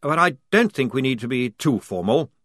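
A man's voice: mid-range voice, lively intonation, moderate pace, fairly bright tone, no room sound, studio quality, voice pushed up. A man reading an audiobook, voicing a pale, polite young army officer with a fussy manner. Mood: flustered.

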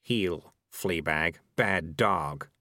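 Sly cat read by a man: low and quiet, dry and calculating. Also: sing-song, unhurried, dry recording. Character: sly, calculating talking tomcat.

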